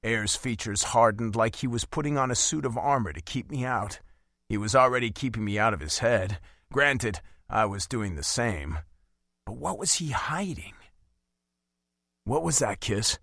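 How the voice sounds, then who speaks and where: A man reading a first-person fantasy romance audiobook in an expressive, emotive way. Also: mid-range voice, moderate pace, no echo, studio quality. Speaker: audiobook narrator.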